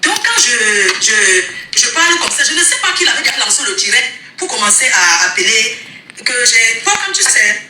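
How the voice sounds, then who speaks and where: A woman tells of a phone call, her high voice bright and piercing and laughter breaking in often. Her pitch swings widely. The sound is distant and echoey, with a faint hiss behind it. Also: sing-song, moderate pace. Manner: laughs often while telling the story. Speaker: live streamer recounting a phone call. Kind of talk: replayed live stream monologue.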